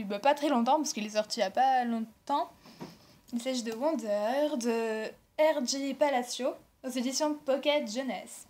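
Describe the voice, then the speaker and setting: A woman's voice: high-pitched, darkish tone. A young woman from France chatting casually about books she received and bought, rambling with lots of fillers and self-corrections. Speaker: book blogger. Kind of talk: casual book haul vlog.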